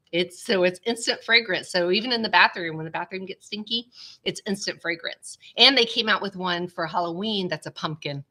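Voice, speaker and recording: Her lowish voice comes across bright and forceful as this vlogger, nose stuffy and congested, rambles chattily to live-stream viewers from home. She says "y'all" again and again, and a small webcam records her at her computer.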